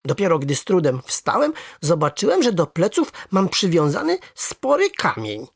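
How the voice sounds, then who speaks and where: Lively, husky-voiced storyteller. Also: medium pitch, moderate pace, no echo. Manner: lively, expressive first-person narration. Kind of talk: children's story reading.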